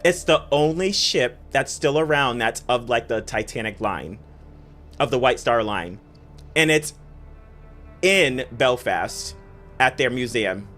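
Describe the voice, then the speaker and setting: A gaming streamer chatting casually while playing, telling stories excitedly and talking to the chat. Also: mid-range voice. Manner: excitable, giggly storytelling, talks to chat.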